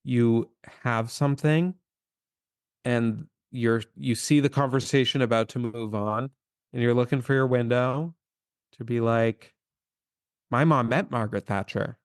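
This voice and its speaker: A man's voice: medium pitch, fairly even intonation, measured pace, darkish tone, clean tone, no echo. A man co-hosting a chatty podcast, dry and wry, rambling his way through his points. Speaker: podcast co-host. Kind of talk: casual chat.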